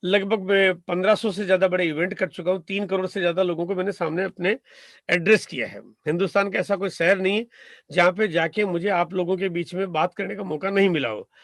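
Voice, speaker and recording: Brief: man from India, motivational business speaker, high voice, dry close sound, hammers points with repetition. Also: steady tone, brisk, a bit bright, no echo. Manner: emphatic, rhetorical, piles up repeated phrases and asks "right?". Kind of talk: motivational talk to a business audience.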